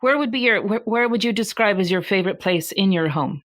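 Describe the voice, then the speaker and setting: A woman interviewing a guest in a conversational way, asking questions and softly following up. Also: mid-range voice, brisk.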